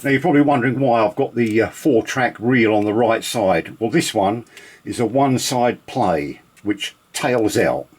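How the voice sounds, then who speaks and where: In a low, husky voice, a man casually demonstrates vintage gear without a script. He's chatty and rambling, broken up by halting pauses.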